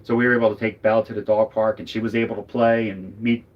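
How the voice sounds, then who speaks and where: A man's voice: on the low side, level tone, fast talker. A man with a Philadelphia accent talks in a loose, rambling way, tossing in jokes as he chats on a livestream. He sits inside an RV, and the audio comes through a little muffled. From Northeast Philadelphia. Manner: rambling, chatty, joking. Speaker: RV vlogger, co-host. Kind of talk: casual live chat.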